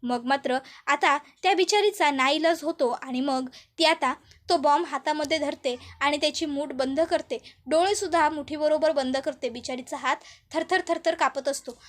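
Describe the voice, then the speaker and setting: A woman's voice: sits high, moderate pace. A woman narrating a TV serial episode in a chatty, descriptive way, ending with a channel sign-off. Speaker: storyteller.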